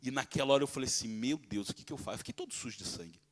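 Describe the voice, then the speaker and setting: A male pastor telling a dramatic testimony in a sermon, swinging from loud exclaiming to hushed, slow speech. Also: medium pitch, lively intonation.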